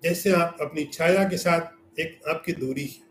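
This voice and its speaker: A man's voice: on the high side, steady tone, a little slow, a bit bright, reverberant, slight background noise. A man giving a scriptural lecture as a spiritual teacher, explaining with everyday examples and asking rhetorical questions.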